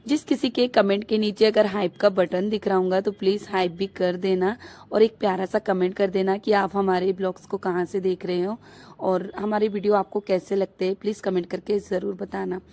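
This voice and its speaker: A young housewife rambles through a casual vlog outdoors on her rooftop, her voice hoarse and thick from a cold. She talks in a flat, even tone with a dark, mellow timbre. Her chat wanders along, padded with fillers. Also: mid-range voice, normal speed. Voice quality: thick, husky voice. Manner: chatty, rambling, many fillers. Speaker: vlogger; housewife and mother.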